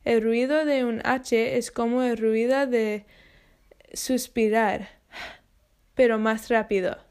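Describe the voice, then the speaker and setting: A woman giving a scripted English pronunciation lesson, spelling out sounds slowly and carefully. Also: a little high, steady tone, a little mellow, clean tone. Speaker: English teacher.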